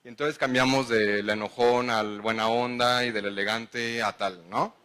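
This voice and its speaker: A man's voice: medium pitch, fairly even intonation, a little slow, fairly bright tone, smooth. A man with a Mexican accent giving a public lecture, engaging the audience with questions. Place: lecture hall.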